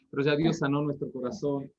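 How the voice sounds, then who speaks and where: Man, missionary on a video call, joking and lively, fairly high voice, slightly muffled audio. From Argentine Patagonia. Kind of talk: missionary report.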